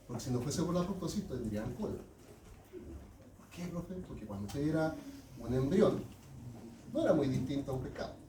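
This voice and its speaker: A man's voice: medium pitch, background noise. A man teaching a class, often checking in with his students. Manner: asks students frequent check-in questions. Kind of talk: classroom lecture. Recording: echoey classroom from far off.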